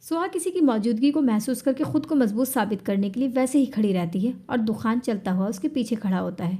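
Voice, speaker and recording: A woman narrating a romance novel in a steady storytelling manner. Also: on the high side. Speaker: audiobook narrator.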